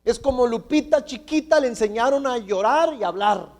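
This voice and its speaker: Male pastor, sermon, animated storytelling, high voice, long church reverb. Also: normal speed. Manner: storytelling, animated, acts out dialogue.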